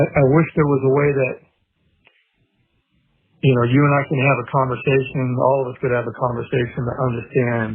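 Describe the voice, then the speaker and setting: A man speaking as a father on a prison phone line with his son, in a halting, measured way. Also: mid-range voice, slightly rough. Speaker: father of the inmate. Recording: tinny prison phone call.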